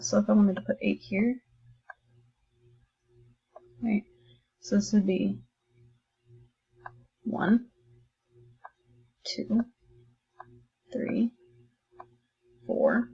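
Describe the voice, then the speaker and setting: A woman's voice: medium pitch, vocal fry, a little mellow, breathy edge, lo-fi sound. A woman teacher talking her class through a math lesson in a recorded distance-learning video, chatty and encouraging, thinking aloud as she writes.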